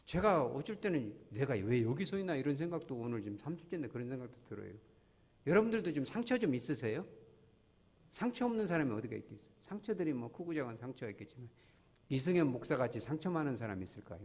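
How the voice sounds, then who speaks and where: A man's voice: medium pitch, very animated, fast talker, darkish tone. A man preaching a sermon in a church, telling stories earnestly and asking the congregation question after question. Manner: earnest, storytelling, many rhetorical questions to the congregation. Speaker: pastor. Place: church sanctuary. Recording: long church reverb.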